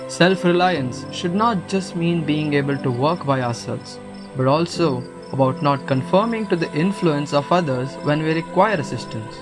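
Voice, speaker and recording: Over background music, a student actor performs a gentle guru in a scripted audio drama, calm and kindly as he counsels a troubled student. His voice is higher-pitched yet natural, moving at a moderate pace. The tone is reassuring and instructive.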